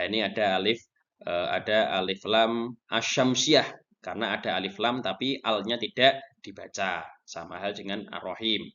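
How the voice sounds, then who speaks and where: A man's voice: lowish voice, bright, forceful tone. A man teaching a Quran recitation lesson, explaining patiently and repeating himself with frequent checks. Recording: dull lo-fi recording.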